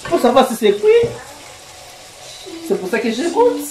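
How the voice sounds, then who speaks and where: Older woman hosting a home cooking lesson. Teasing and animated. Recorded from a distance in a roomy kitchen with faint noise. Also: fairly high pitch, unhurried. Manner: chatty, teasing, animated storytelling. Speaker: host, grandmother. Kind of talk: cooking show with marriage advice. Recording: echoey room, voice from far off, faint noise.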